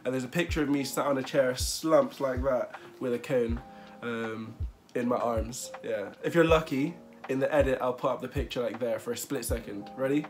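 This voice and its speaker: A man's voice: medium pitch, normal speed, few pauses, soft background music. A man of twenty-one chatting casually in a vlog interview, rambling with fillers and frequent laughs. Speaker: vlogger.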